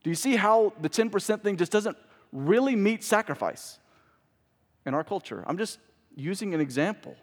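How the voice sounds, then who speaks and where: A man's voice: sits high, expressive, normal speed, husky. A male pastor preaching a sermon to his congregation in a church sanctuary, talking conversationally and then building up to emphatic peaks. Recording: long reverb of a church hall.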